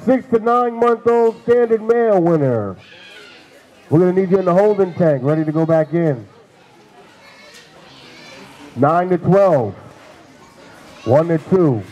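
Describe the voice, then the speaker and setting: A man announcing classes at a dog show, loudly chanting out the class names to the ring. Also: sits high, unhurried, long pauses, highs cut off. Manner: loud, chanting calls of age classes. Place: large indoor show venue.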